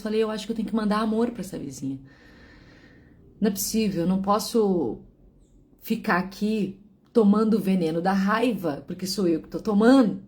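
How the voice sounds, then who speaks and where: A woman casually telling a story, acting out both sides of her phone calls with lively switches of voice. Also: medium pitch. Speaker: vlogger telling a personal story.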